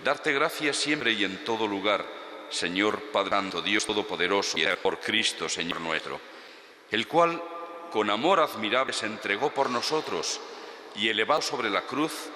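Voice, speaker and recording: A man, a priest intoning the prayers of Mass in measured, solemn recitation, with a long cathedral echo around his voice. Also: lowish voice, sharp tone. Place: large church. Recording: echoey church from a distance.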